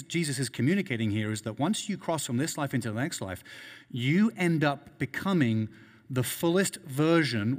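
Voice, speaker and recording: A man's voice: mid-range voice, long reverb tail. A man preaching a sermon as a pastor, earnest and emphatic, often repeating words as he builds each point.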